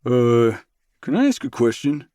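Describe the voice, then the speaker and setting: Brief: narrator doing a sheepish buddy, hesitant, mid-pitched, dry close read. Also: male voice, sing-song, measured pace, mellow, dry recording. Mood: awkward. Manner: hesitant, uncomfortable. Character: awkward, easygoing male teammate. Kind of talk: audiobook character voice.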